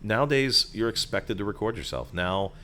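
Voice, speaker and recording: Deep-voiced man explaining voiceover work. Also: sing-song, normal speed, sharp tone. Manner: chatty, many fillers and asides. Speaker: voiceover artist and sound designer, guest. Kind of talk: conversational explaining. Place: restaurant.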